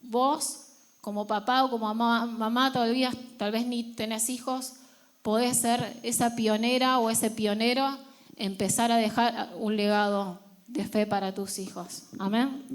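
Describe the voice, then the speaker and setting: An Argentine woman in her thirties preaching a church sermon. Her voice sits a little high, and she talks earnestly, doubling words to press each point home. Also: darkish tone. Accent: Argentine Spanish. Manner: earnest, repeats words for emphasis. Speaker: pastor.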